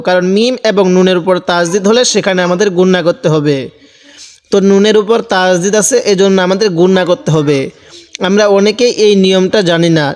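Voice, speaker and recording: A man teaching Quran recitation, spelling out each word slowly and repeating the rules patiently step by step. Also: high-pitched, big-room sound. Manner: slow, repetitive, patient step-by-step drilling.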